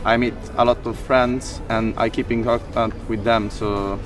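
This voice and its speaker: A man talks outdoors, recorded from some distance, in a flat, level voice. He pauses often with fillers, and music plays clearly behind him. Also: medium pitch. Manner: halting, with many fillers. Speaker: returning summer school student. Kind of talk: casual interview.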